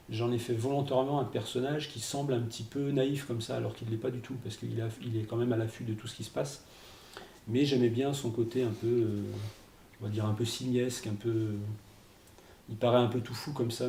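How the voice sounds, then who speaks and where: A man, a comic book artist, answering interview questions in a hesitant way, repeating words and pausing with fillers. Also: medium pitch, creaky, mellow. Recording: roomy echo, faint noise.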